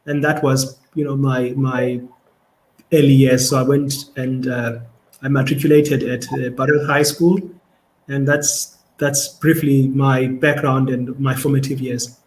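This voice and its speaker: A man's voice: medium pitch, little pitch movement, unhurried, reverberant, a little hiss or hum, poor audio. A young man with a South African Xhosa accent, a podcast guest talking in a thoughtful, casual way and often repeating words as he searches for them. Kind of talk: casual conversation.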